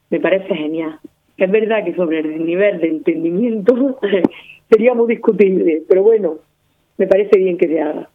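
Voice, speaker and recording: A woman with an Andalusian accent arguing her point in casual radio talk, laying it out through repeated examples. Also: medium pitch. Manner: argumentative, explains with repeated examples. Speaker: guest running a language-teaching project. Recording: narrow phone-like sound.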